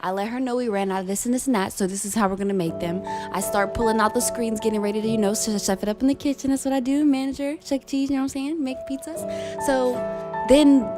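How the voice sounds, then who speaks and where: A woman's voice: on the high side, fairly even intonation, quick pace, music in the background. A young woman venting a heated, profane work story in a casual vlog. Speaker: vlogger telling a work story. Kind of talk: casual storytime rant over gameplay.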